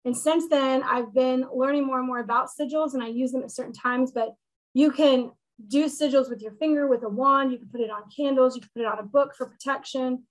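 High-voiced woman teaching casually on a video call. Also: a little fast, poor audio. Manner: relaxed, explanatory, joking. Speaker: witchcraft teacher hosting a meetup. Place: home room.

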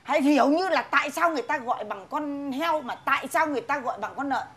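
Một người phụ nữ đóng vai bà nội già nghiêm khắc, giọng miền Bắc, hay mắng mỏ con cháu trong tiểu phẩm hài. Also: female voice, high voice, fast, a bit bright, slight background noise. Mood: scolding. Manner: scolding, blunt, teasing. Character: stern old grandmother, scolding. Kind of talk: comedy sketch acting.

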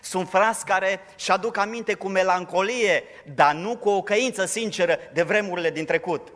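A man's voice: high-pitched, a bit bright. A pastor preaching a sermon in church, emphatic, raising his voice on scripture verses. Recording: long reverb of a church hall.

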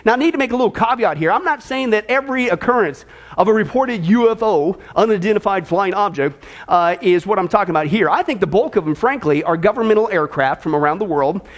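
A male pastor preaching a sermon, emphatic and animated, with rhetorical questions and sarcastic asides. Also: high voice, fast. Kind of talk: sermon on prophecy.

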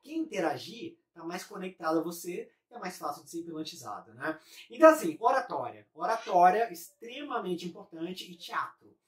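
A man's voice: high-pitched, very animated, normal speed, a bit bright. Chatty Brazilian man, roomy distant sound. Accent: Brazilian Portuguese. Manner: chatty, ends most phrases with a tag question. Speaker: business coach and YouTuber. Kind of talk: informal online lesson.

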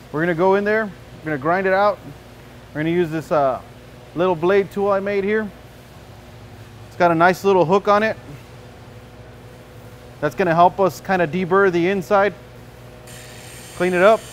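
In a large indoor welding shop, a man in his thirties walks the viewer through each step of a casual welding demonstration as the instructor. He has a high voice and a relaxed, folksy manner, saying "you know" often, with slight background noise.

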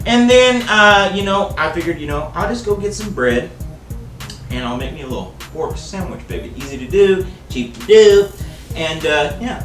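Far from the camera mic, this cooking show host sounds fairly bright and on the high side, with the roomy sound of his home kitchen around him. The young man chats to the viewer in a joking, rambling way, calling them baby and sir.

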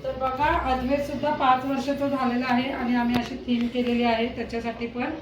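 A woman's voice: little pitch movement, a little fast. Chatty woman vlogging at home. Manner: chatty, coos to a baby in a high sing-song voice. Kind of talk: casual home vlog narration. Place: home, indoors. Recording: noisy home phone recording.

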